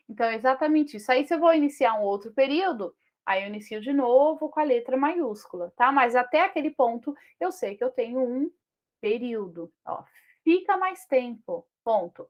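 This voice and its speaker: A high-voiced woman teacher with a Brazilian Portuguese accent gives a punctuation lesson, reading example sentences slowly and often checking in with listeners through tag questions.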